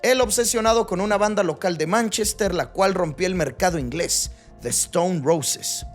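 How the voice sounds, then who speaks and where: A man's voice: high-pitched, normal speed. A man narrating a music documentary in a scripted, dramatic style with short listed phrases. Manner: dramatic, clipped listing phrases.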